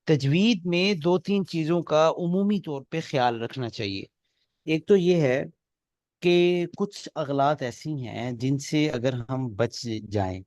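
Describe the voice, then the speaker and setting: A man's voice: on the high side, darkish tone, dry recording. A man teaching the rules of Quran recitation in a classroom lecture, explaining step by step and chanting examples aloud to show correct and wrong pronunciation. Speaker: tajweed teacher.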